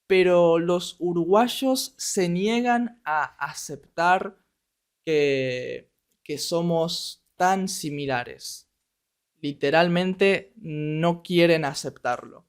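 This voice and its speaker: A man's voice: a little high, clear, resonant tone. A young man from Argentina teaching Spanish in a podcast, speaking in a neutral accent and checking in with listeners as he goes. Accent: neutral Latin American Spanish. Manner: speaks slowly and deliberately, checks in with "¿ok?". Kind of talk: podcast lesson, slow clear speech for learners.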